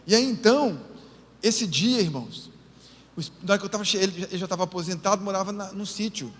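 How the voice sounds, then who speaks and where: A male pastor with a Northeastern Brazilian accent preaches from the pulpit in a high, husky voice. He tells his story with feeling and keeps turning to the congregation. His words ring out with a long reverb through a big church hall. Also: quick pace, a bit bright. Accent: Brazilian Portuguese, Northeastern. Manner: emotional storytelling, calls the church brothers and sisters. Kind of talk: sermon.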